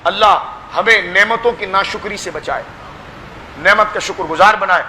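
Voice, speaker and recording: A man's voice: sits high, bright, forceful tone, big-room sound, a little hiss or hum. A man with a Pakistani Urdu accent giving a fervent religious sermon to a gathering, exhorting his listeners and calling them his children. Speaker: pir giving a religious speech.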